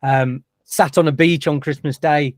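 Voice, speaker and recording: A man's voice: a little high, fairly even intonation, measured pace, no echo, studio quality. A man hosting a podcast in a chatty, jokey way. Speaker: podcast host. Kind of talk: casual podcast chat.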